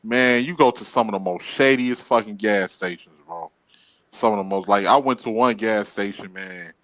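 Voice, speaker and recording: A man casually telling stories about his trucking work, animated and getting loud when he acts out confrontations. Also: lowish voice, normal speed, no echo, rough recording. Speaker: podcast co-host. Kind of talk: casual storytelling.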